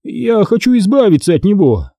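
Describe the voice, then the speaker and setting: Give me a man playing a nervous older man selling his car, halting and husky, in a dry close recording. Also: high-pitched, big pitch swings, warm tone, no room sound, pitched above the performer's own voice, heavily acted. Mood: pleading.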